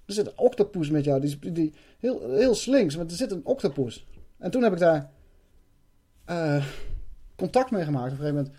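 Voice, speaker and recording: Brief: a high-voiced man, intense and halting, sharing a spiritual story. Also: expressive, dark tone. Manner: intense, swearing, hesitant restarts.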